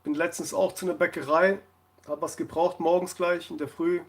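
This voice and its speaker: A man's voice: fairly high pitch, steady tone, brisk. A man chatting casually on a live stream, rambling through anecdotes and laughing often.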